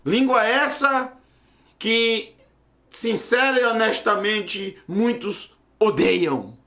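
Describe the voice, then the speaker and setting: High-pitched guy teaching hebrew, emphatic, asks the class questions, echoey room. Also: extremely slow, vocal fry, bright, forceful tone. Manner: emphatic, rhetorical questions, bursts into raised exclamations. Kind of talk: teaching a Bible-language lesson.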